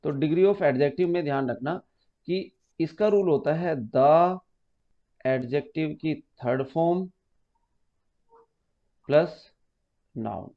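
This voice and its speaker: Speaking extremely slowly with long pauses, a man with a fairly high pitch leads a grammar lesson for exam preparation. He goes step by step with patience, repeating key terms and addressing students as "beta," all on a muffled, lo-fi recording.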